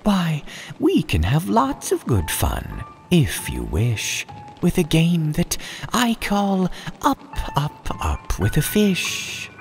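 A man's voice: a little high, huge pitch swings, slow pace, gravelly, soft background music, voice pushed up, full character voice. A man voicing a mischievous, menacing cat trickster in a theatrical, gleeful way for a spooky storybook. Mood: creepy glee. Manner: theatrical, gleeful, chuckling between phrases. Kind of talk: spooky storybook read-aloud.

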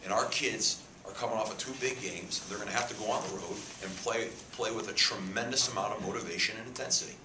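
A man with a lowish voice talks at a quick pace, barely pausing. He's a head football coach in his fifties at a press conference, emphatic and gesturing, repeating his words. The press room, with its sponsor backdrop, sounds echoey on the table mic cluster, and there's a faint hiss.

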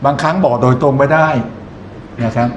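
A man's voice: medium pitch, steady tone, fairly quick, muffled recording, a little hiss or hum. A man lecturing in an explanatory way, often posing questions to his listeners and then answering them himself. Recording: echoey room, faint ambience.

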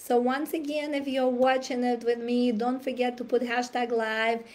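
A woman, hoarse from a cold, hosting a live coaching challenge and often clearing her throat. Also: on the high side, level tone, moderate pace, a little mellow. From Russia. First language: Russian. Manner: frequent throat clearing and fillers. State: raspy voice from a cold. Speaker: challenge host. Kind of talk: live-stream coaching talk.

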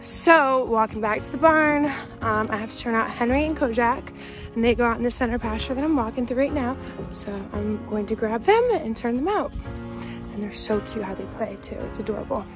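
A bubbly young woman in her twenties vlogs on a farm, holding her phone at arm's length and chatting away, slipping into a baby voice for the animals. She's out of breath from running. Her fairly high voice is brisk, with music playing behind her.

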